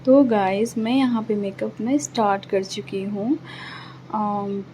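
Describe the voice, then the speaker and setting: Slow-talking young mother vlogging. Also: mid-range voice, warm tone, a little hiss or hum. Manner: chatty, explains each step. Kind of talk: casual vlog narration.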